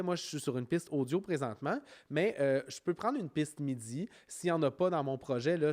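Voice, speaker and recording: A man with a Quebec French accent narrating an informal software tutorial, explaining step by step in a conversational way. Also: a little high. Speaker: music software instructor.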